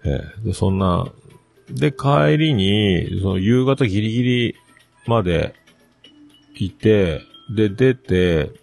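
A man's voice: lowish voice, expressive, slow pace, creaky, darkish tone, soft background music. A man in his forties, a podcast host rambling through a funny travel anecdote with lots of fillers. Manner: rambling, self-amused anecdote with many fillers. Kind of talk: casual storytelling monologue.

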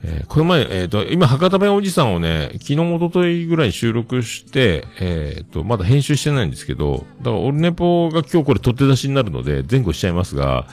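A man in his forties hosting a casual solo podcast, rambling and self-deprecating, with many drawn-out fillers. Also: medium pitch, wildly swooping pitch, creaky, a little mellow. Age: 40s. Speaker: podcast host.

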